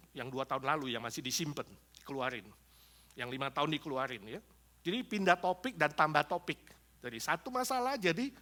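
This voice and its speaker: A man preaching a Sunday sermon in a church, animated and jokey, slipping into quick acted asides and laughing at his own examples. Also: high voice. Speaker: pastor. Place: church in Los Angeles.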